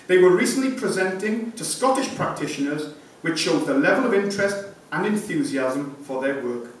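This man in his thirties sounds high-pitched and animated, speaking at a normal speed while formally reading a sponsor's award presentation from prepared notes. The conference room audio reaches a distant camera via the lectern mic, so it echoes and carries hiss.

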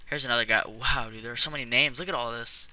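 A man hosting a gaming video, giving excitable, playful commentary with trash talk. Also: mid-range voice, quick pace. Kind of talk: casual gameplay commentary.

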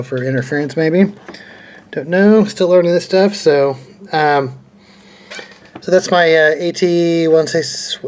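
The voice here is a man's, medium-pitched and a little mellow. As host of electronics and radio unboxing videos, he chats informally and thinks aloud during a hands-on demonstration at a cluttered indoor desk. Clear background noise fills the noisy home camera recording.

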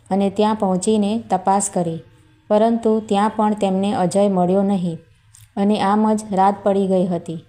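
A woman with a Gujarati accent narrating a scripted story in an even, measured way. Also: medium pitch.

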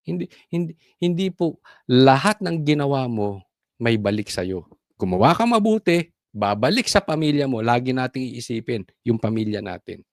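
A man's voice: medium pitch, animated, normal speed, no echo, studio quality. A man with a Filipino accent giving preachy, mocking political commentary to his viewers. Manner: preachy, mocking, chanting, laughing asides.

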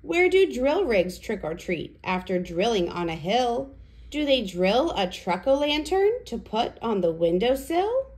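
A woman presenter for children speaks slowly and with animation, her voice on the high side. As an educational presenter and storyteller running a toddler lesson and picture-book read-aloud, she delivers in a simple, exaggerated, child-directed way.

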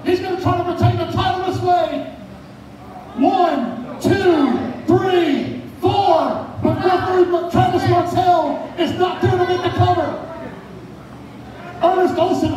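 High-pitched male wrestling commentator in echoey venue. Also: unhurried, background noise. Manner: excitable, shouting at big moments. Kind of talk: live play-by-play wrestling commentary. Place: indoor bar venue with wrestling ring. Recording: echoey venue from far off, loud crowd and music.

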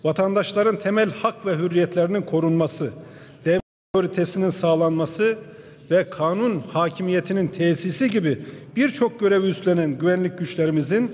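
A man's voice: sits high, a little fast, a little mellow. A man addressing a parliament from a podium microphone, giving a formal speech and pressing his audience with pointed rhetorical questions. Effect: speaking at a podium microphone. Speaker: member of parliament. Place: large parliament chamber. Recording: long reverb of a large hall.

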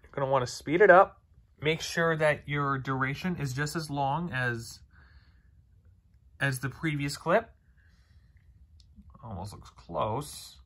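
A man talking through a software tutorial step by step, in a halting, instructional way with fillers and restarts. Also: fairly high pitch. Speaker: video tutorial maker.

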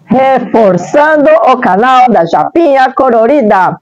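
High-pitched, slow-talking Brazilian woman vlogger. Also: lively intonation, a crowd in the background. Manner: slow, exclamatory, sprinkles in Japanese greetings. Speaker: food review vlogger. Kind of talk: upbeat snack review to camera. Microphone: clip-on lapel mic. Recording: muffled audio with clear background noise.

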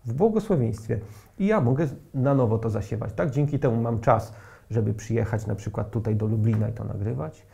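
A man's voice: medium pitch, a little fast, vocal fry, warm tone. A man preaching a sermon, asking his listeners rhetorical questions and pressing his points with emphasis. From Poland.

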